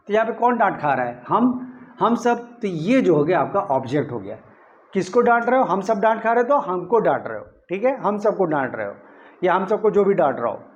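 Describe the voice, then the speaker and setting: A man's voice: high voice, dull audio. A man teaching English grammar in Hindi, explaining step by step and often checking that his students follow. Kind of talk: Hindi-language grammar lesson.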